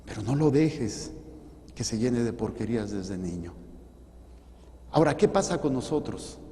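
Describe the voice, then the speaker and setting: A man with a Mexican accent, a priest giving a lively sermon full of rhetorical questions and acted-out quotes. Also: mid-range voice, measured pace. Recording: long church reverb.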